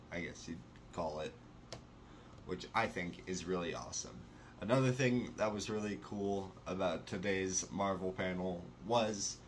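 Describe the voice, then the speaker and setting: A young adult vlogger with a low-pitched voice sits down for an informal news chat in his small bedroom, and a slight hiss or hum is audible. The camera is held close to his face. His delivery is enthusiastic and chatty, full of fillers.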